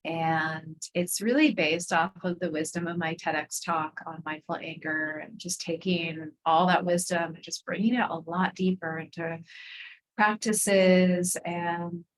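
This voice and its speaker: A woman speaking as a podcast guest, explaining her coaching work in a reflective, earnest and gently enthusiastic way. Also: lowish voice, fairly even intonation, a little slow, low-quality recording. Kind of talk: conversational interview.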